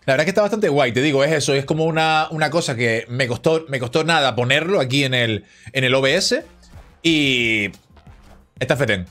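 Speaking at a medium pitch and a slightly fast clip, a talkative streamer plays cards in a small indoor room at home. He keeps things easygoing, picking up viewers' chat messages and replying as he goes, his headset catching faint background music.

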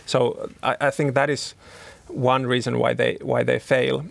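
A Finnish company CEO in his thirties answers panel questions hesitantly, restarting often and using many fillers. His mid-range voice is gravelly and level, a little slow, and the recording is dry.

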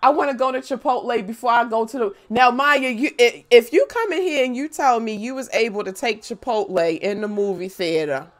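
Animated, foul-mouthed woman streamer. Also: fairly high pitch, fairly quick, few pauses. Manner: animated, profane storytelling. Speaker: gaming livestreamer. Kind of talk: casual live-stream chat.

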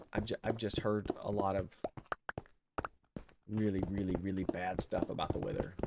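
Speaking low through a headset mic in a room at home, an older man with a head cold offers casual gameplay commentary as a streamer. He rambles, thinks out loud and counts under his breath, with loud, steady noise running beneath him.

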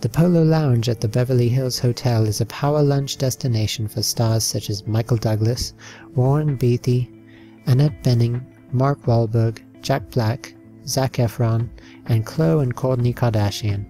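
A man narrating a slideshow in an even, listing read with the odd slip. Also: medium pitch, normal speed, soft background music.

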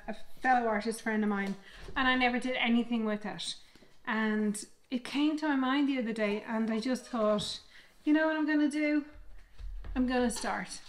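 Candid woman in her fifties, higher voice. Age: 50s. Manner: candid, reflective, meandering. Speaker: artist vlogger. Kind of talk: casual vlog chat. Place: home art studio. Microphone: microphone she moves away from and back to.

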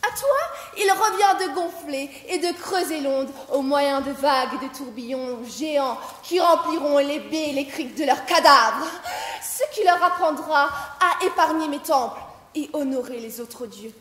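A woman's voice: high voice, measured pace, fairly bright tone. A young woman playing a commanding, vengeful goddess in a declaimed stage tragedy. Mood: imperious, vengeful. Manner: declamatory, imperious. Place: large theater stage. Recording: echoey theater stage from afar.

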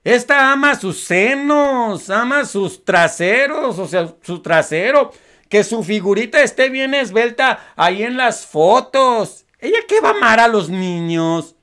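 A man's voice: very high voice, very animated, unhurried, sharp tone. Scornful Mexican man mocking a clip. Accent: Mexican Spanish. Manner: sarcastic, scornful, laughs often. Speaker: news commentary host. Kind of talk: mocking commentary over a played clip.

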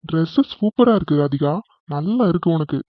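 A man voicing an easygoing young husband in a cartoon comedy, mild and pleading as he tries to calm things down. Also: fairly high pitch, moderate pace, no room sound, lightly acted. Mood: placating. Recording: tinny phone-like sound.

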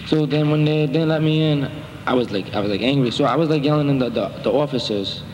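In a municipal courtroom, a young man testifies as the defendant, rambling defensively and using many fillers. His mid-range voice is brisk and slightly mellow. The room echoes, with faint noise in the background.

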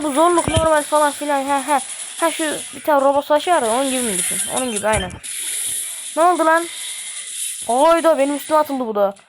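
A woman hosting a gaming channel, giving excitable, slangy live commentary and trash-talking the game as she plays. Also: high-pitched, background noise. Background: game music.

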